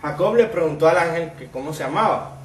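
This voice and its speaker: Male pastor, sermon, rhetorical questions to the congregation, fairly high voice, roomy echo, mic set back. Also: expressive, fast talker, far from the mic, a little hiss or hum. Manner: asks the congregation rhetorical questions and calls them brother; reads scripture aloud with rising emphasis.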